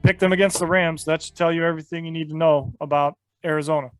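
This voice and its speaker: A man's voice: on the high side, fairly even intonation, fast talker, fairly bright tone, clear, resonant tone, faint music behind. A man co-hosting a sports talk show, delivering a heated, emphatic rant full of rhetorical questions.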